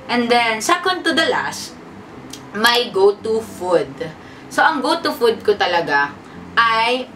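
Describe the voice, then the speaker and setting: Woman young chatty vlogger, bright tone, mic a bit far with faint hiss. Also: a little high. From Philippines. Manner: chatty, mixes Tagalog and English, says bestie. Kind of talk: casual sit-down vlog.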